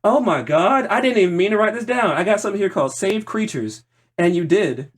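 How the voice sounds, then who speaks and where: A man working as game master, narrating a tabletop roleplaying game in a halting, piecemeal way. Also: high-pitched, animated.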